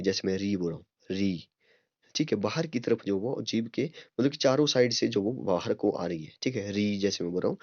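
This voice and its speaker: A man's voice: fairly low pitch, darkish tone, no echo. A young man teaching a step-by-step online grammar lesson, often checking in with listeners and sounding out vowels to demonstrate them. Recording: dry, slightly dull home recording.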